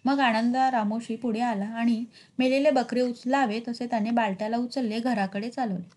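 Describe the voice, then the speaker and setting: A woman teacher reading a novel aloud with expressive emphasis for her students. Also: fairly high pitch. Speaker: literature teacher.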